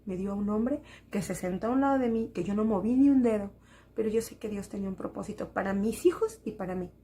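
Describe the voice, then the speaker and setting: A woman's voice: mid-range voice, quick pace, dark tone. A woman gives an emotional church testimony, repeating phrases and speaking straight to the congregation.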